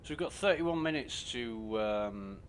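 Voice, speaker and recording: A man's voice: mid-range voice, expressive, unhurried, a little hiss or hum. A male streamer grumbling and swearing to himself while giving casual commentary on his gameplay. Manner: talks to himself while playing. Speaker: game streamer.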